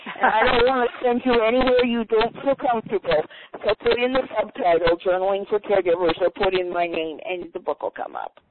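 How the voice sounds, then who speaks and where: A woman's voice: mid-range voice, steady tone. Woman author on a noisy phone line. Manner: chatty, unhurried, thinking aloud. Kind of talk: casual talk on a phone call. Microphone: telephone. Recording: tinny phone line with noise.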